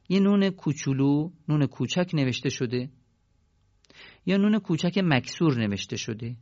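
Gravelly teacher. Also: male voice, medium pitch, dry recording, lo-fi sound. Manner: patient, step-by-step explaining, slow chanted recitation of verses. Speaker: Quran recitation teacher. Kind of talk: recorded tajwid lesson.

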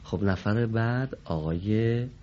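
A low-voiced man leads a Quran reading class, patient and formally polite. He carefully says letter sounds aloud for his students to repeat. The recording is dull and lo-fi. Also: a little mellow. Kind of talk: classroom instruction.

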